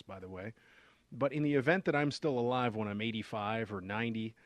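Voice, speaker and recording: A man hosting a radio finance show, explaining in a relaxed, conversational way with frequent fillers and restarts. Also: medium pitch, no echo.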